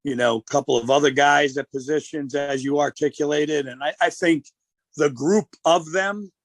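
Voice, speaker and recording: Gravelly-voiced man, dry and measured. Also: a little high, steady tone, no room sound. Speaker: college football coach. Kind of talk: radio interview guest.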